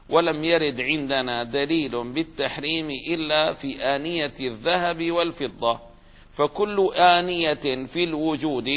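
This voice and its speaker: A man giving a classical religious lesson, reading passages from a book and explaining them with frequent fillers and restarts. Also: a little high. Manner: reads quoted text louder, then explains with fillers and restarts. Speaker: sheikh teaching a hadith commentary.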